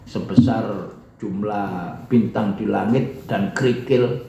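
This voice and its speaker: A man's voice: fairly low pitch, slow, creaky, mellow, slight background noise. An Indonesian man teaching an Arabic class, reading Arabic text aloud and explaining it line by line. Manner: acts out example sentences with rising and falling intonation. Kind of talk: classroom lesson. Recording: echoey room, dull lo-fi sound.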